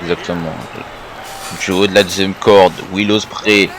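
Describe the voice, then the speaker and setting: A man's voice: low voice, level tone, a little slow. A man giving wrestling commentary on a video game match, calling moves in short phrases alongside a partner. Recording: faint background noise.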